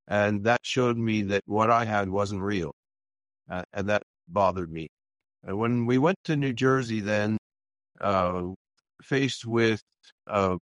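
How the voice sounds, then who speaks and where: An older pastor from Louisiana, US, tells his personal story as a guest on a radio interview. He is sincere and earnest but halting, with many fillers and restarts. His mid-range voice is recorded on a very dry mic with no room sound.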